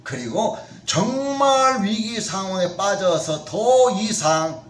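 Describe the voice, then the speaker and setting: Male pastor, high voice, chatty sermon delivery, echoey room, a bit off-mic. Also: very animated, takes it slowly, distant mic, a little hiss or hum. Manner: conversational preaching with questions to the congregation. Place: church sanctuary.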